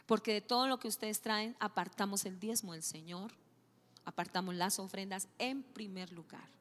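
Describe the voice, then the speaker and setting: A woman pastor preaching a sermon, telling a story with lively acted-out dialogue. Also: mid-range voice, moderate pace. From Colombia. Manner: animated storytelling, acting out dialogue. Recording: long hall reverb with faint music.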